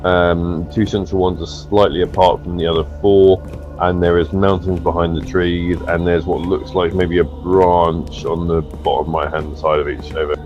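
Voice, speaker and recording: A man relaying clues in a co-op game, speaking hesitantly and unsurely, pausing as he describes things. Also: low-pitched, flat delivery. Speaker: let's play gamer. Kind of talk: co-op game commentary, radio-style relaying of clues. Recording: muffled sound with faint game music behind. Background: faint game music.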